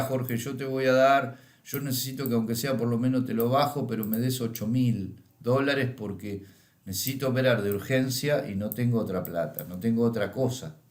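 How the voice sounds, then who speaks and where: A middle-aged man with a Rioplatense Spanish accent teaches astrology in a storytelling lecture, his voice sitting at an ordinary middle pitch. He keeps tagging his sentences with a questioning "¿m?" or "¿eh?". The room around him is noticeably echoey. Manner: tags lines with questioning "¿m?" and "¿eh?". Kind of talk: lecture with anecdotes.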